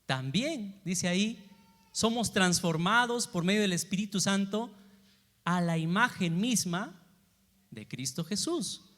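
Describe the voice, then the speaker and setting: A man preaching a sermon, asking the congregation questions and moving between loud emphasis and quiet asides. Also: high voice, slow, in a large hall. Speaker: pastor. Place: church sanctuary.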